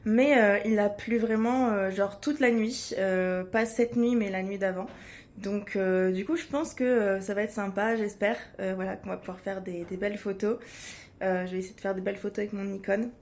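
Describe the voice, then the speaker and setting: A woman's voice: mid-range voice, steady tone, moderate pace, darkish tone. A woman chatting casually as a travel vlogger, hesitant and searching for her words. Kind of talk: casual chat to camera. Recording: clear background ambient noise.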